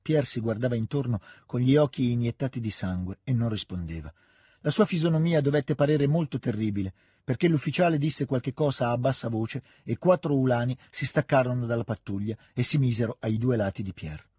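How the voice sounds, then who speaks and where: Man, audiobook narration, measured, dark mellow tone, dry close studio sound. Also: mid-range voice, husky, dry recording. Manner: measured, even storytelling. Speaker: audiobook reader. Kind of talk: scripted literary narration.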